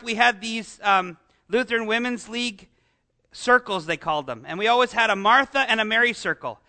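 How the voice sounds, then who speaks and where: A man's voice: extremely high pitch, sharp tone. A man preaching a conversational sermon, full of asides and rhetorical questions to the congregation.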